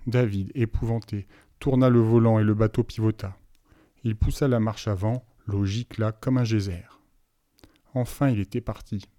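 A man narrating a novel aloud as an audiobook reader, telling the story in an even, measured way. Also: lowish voice, no echo, clean studio sound.

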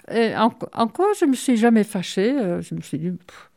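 An older woman, a great-grandmother, recalling her past in a halting, wry way. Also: medium pitch, mellow. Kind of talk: personal recollection for a documentary.

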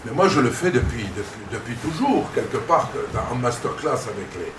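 A man who gives masterclasses as a voice coach speaks slowly and emphatically in a public conversation. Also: mid-range voice. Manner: slow, emphatic, lively intonation. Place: conference hall. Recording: echoey hall, distant mic, faint noise.

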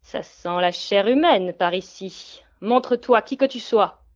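A gruff, greedy old witch from a fairy tale, voiced by a woman who drags her words out with menace. She booms her threats in a storybook reading. The recording is dull and dry. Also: dry recording, lightly acted. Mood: menacing. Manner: growling, threatening, drawn-out words.

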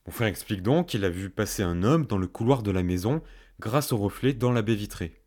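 A man's voice: lowish voice, lively intonation, fairly quick, a little mellow. A young man narrating a first-person story in a fireside storytelling style, with a colloquial, self-mocking comic touch. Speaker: host and storyteller.

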